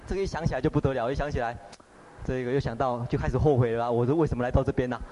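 A man's voice: mid-range voice, rapid-fire, warm tone, highs cut off, a little hiss or hum. A man teaching meditation in a conversational dharma talk, often asking his listeners questions. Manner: conversational, filler-laden, asks the audience. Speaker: Buddhist teacher.

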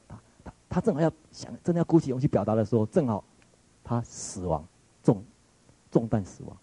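Male Taiwanese Mandarin lecturer, dark husky voice, dry close sound, rambling reflective storytelling. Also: mid-range voice, sing-song, a little fast, dry recording, low-quality recording. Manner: musing, searching for words, frequent restarts.

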